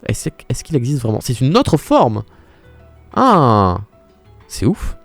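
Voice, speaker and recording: A man's voice: mid-range voice, big pitch swings, moderate pace, darkish tone, no echo, soft background music. A young man streaming live in casual commentary, exclaiming often and talking back to his viewers' chat.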